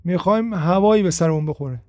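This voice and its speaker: A man's voice: sits high, mellow, no room sound, close to an everyday voice. A man voicing a young man from the neighborhood in an audiobook story, speaking in casual, friendly street talk.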